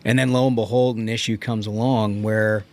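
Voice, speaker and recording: A man's voice: fairly low pitch, level tone, normal speed. A man hosting a podcast interview, chatty and agreeable, backing up his guest often. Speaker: podcast host.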